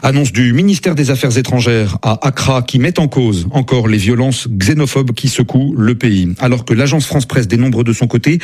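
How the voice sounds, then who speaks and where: A man anchoring a radio news bulletin, reading in a brisk, measured way. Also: medium pitch, a little mellow, husky.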